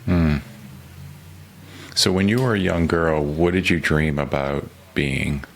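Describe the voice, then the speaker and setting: A man's voice: extremely low pitch, slow pace, gravelly, a little hiss or hum. A man hosting a podcast, asking questions in an encouraging, affirming way. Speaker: podcast host. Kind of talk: conversational interviewing.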